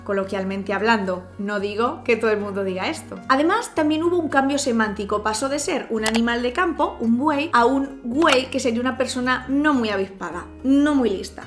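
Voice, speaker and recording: A woman from Spain with a Peninsular Spanish accent, explaining language in a cheerful, expressive, chatty vlog style. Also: on the high side, fairly quick, few pauses. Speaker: language YouTuber. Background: background music.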